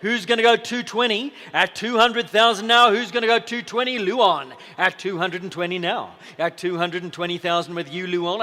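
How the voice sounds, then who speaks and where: A man's voice: sits high, pushed and bright. A man working as an auctioneer at a horse sale, calling out bids in a repetitive, persuasive patter over a PA in a big hall. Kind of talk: live auctioneering with chanted repeated bid calls. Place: indoor auction ring with a sound system. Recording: live PA in a large reverberant hall.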